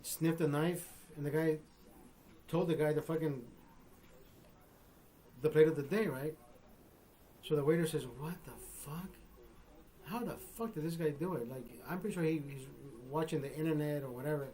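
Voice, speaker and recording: A man's voice: on the high side, moderate pace, long pauses, mellow. A man in his fifties hosting a live stream, telling a long dirty joke in loose, profane casual talk, often laughing and adding "bro" and "right?". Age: 50s. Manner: laughs often between lines.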